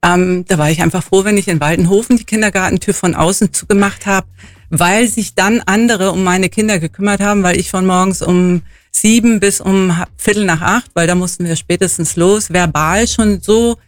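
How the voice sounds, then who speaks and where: A woman's voice: mid-range voice, moderate pace, dry recording. A middle-aged woman from northern Germany with a northern German accent, a communication trainer telling her story thoughtfully as an interview guest.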